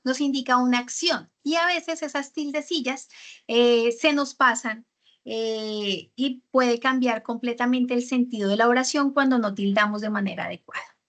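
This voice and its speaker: A woman leads a writing workshop lesson. Her voice sits high and sounds bright and clear. She walks through grammar with example sentences, pausing on fillers and checking in with her students. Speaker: teacher.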